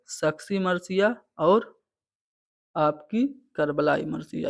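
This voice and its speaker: Male tutor, higher voice, patient step-by-step explaining, online exam-prep lecture. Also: creaky. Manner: explains answers step by step, repeating "theek hai".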